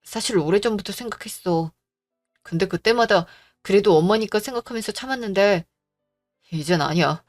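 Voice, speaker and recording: A woman voicing a gentle, earnest young man in a drama, speaking apologetically to his fiancée. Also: medium pitch, moderate pace, faint music behind, natural voice. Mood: pleading. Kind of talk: Korean audio drama acting.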